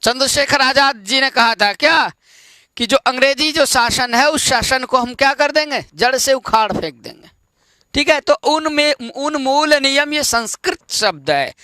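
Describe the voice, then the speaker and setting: Man, online teacher, very high voice, clear and smooth, slow explaining. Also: lively intonation, sharp tone, no echo. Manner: slow, explains word by word with repeated check-ins. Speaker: Sanskrit teacher. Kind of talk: online classroom lesson.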